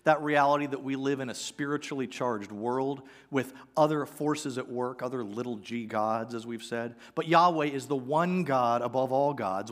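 A man in his forties, a pastor giving a conversational, animated sermon on a church stage with a headset mic. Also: medium pitch. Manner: conversational, animated preaching with gestures. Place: church sanctuary stage, indoors.

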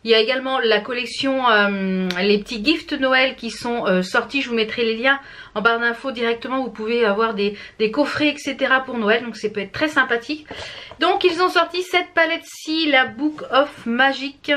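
A woman's voice: fairly high pitch, a bit bright. A woman from France chatting casually through a makeup product review, with many fillers and restarts. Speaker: beauty vlogger.

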